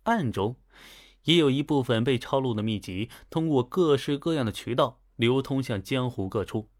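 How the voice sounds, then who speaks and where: A man's voice: mid-range voice, normal speed. Guy reading a novel aloud, casual chatty storyteller. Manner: chatty, lively asides. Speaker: narrator. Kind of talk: audiobook storytelling.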